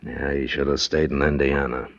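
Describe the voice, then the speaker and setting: An actor playing a steady, world-weary American frontier lawman with a terse, dry, matter-of-fact way of talking, in 1950s radio western style. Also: a bass voice, normal speed, creaky. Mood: grim. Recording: muffled, noisy vintage radio recording.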